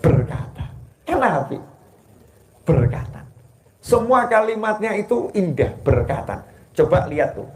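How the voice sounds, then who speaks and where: A man from Solo with a Javanese accent, preaching a sermon to a live gathering in a lively manner, joking with the audience. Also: high voice, measured pace, long pauses, noisy background. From Solo, Central Java. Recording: echoey hall.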